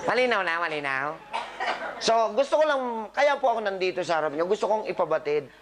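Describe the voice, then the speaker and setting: A man's voice: high voice, very animated, fairly quick, a bit bright. A man, a doctor, giving a live talk to patients, scolding them with humor and quizzing the audience. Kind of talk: live motivational health talk.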